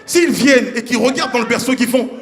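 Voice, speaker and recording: A man performing a stand-up comedy set on stage, animated and acting out characters with sudden high voices. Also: quick pace, noisy background. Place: comedy stage before a live audience. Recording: roomy live stage sound with audience.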